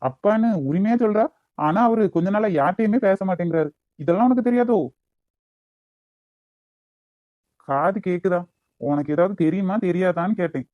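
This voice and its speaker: A man voicing a troubled young man in an animated story. He speaks with a Nagercoil Tamil accent and talks in a blunt, stern way. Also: fast talker, no echo, phone-quality sound. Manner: blunt, stern, then low and despairing. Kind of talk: cartoon voice acting.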